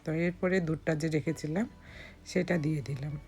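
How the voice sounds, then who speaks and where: Cooking vlogger, woman, low husky-hoarse voice, calm walk-through, soft music underneath. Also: a little fast. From Bangladesh. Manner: calm step-by-step instructions. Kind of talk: recipe voice-over narration.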